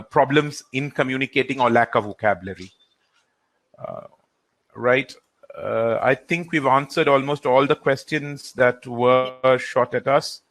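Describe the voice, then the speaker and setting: Taking questions from the audience in a live session, this Indian trainer, a native Hindi or Gujarati speaker, talks at a middle pitch. He sounds relaxed but hesitant, dropping in many fillers.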